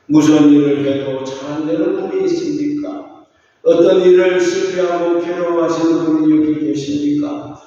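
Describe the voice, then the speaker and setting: A man's voice: on the high side, warm tone. Man preaching in an echoey church. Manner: earnest preaching with sung, drawn-out phrases. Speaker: pastor. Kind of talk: sermon. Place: church sanctuary. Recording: distant, echoey church hall, dull sound.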